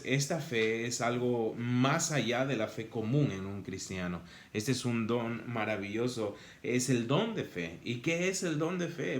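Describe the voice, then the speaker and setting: A male preacher with a mid-range voice delivers a sermon to people following along at home. He reads verses at a measured pace and rises in pitch and energy as he acts out the story. The sound is roomy and echoing. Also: slight background noise. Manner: reads scripture slowly, then rises in pitch and energy to act out the passage.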